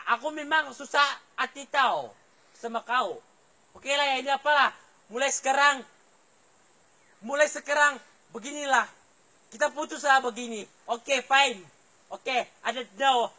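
A man's voice: very high-pitched, sharp tone. A man, up a tree outdoors, complaining and pleading on a phone call. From Filipino Suluk. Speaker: plantation worker on a phone call.

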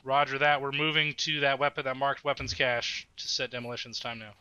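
A man with a sharp, very bright and clear voice gives orders as a game squad commander. He is commanding and swears freely. The sound is a slightly muffled headset voice chat. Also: mid-range voice, level tone, brisk. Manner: profane, commanding. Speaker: commander in an online military simulation game. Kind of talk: gaming radio callouts and casual squad chat.

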